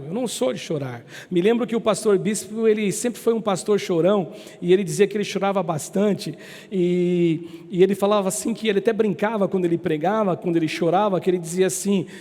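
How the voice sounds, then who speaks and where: A man preaching a sermon, with a fairly high voice. He tells stories slowly and drives points home by repeating words. The sound rings with the long reverb of a church hall. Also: a little mellow. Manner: storytelling preacher, slow emphatic repetitions. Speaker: pastor.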